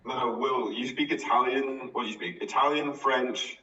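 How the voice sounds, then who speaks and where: A man's voice: medium pitch, steady tone, moderate pace, pushed and bright. A teenage boy co-hosting a casual chat, teasing and laughing often. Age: late teens. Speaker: co-host. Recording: roomy, distant, dull sound.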